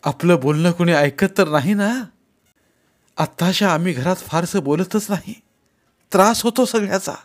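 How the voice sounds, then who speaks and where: A man's voice: high voice, normal speed, pitched above the performer's own voice. A man doing a shaky, frightened old father. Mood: fearful. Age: older. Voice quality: trembling, agitated, tearful.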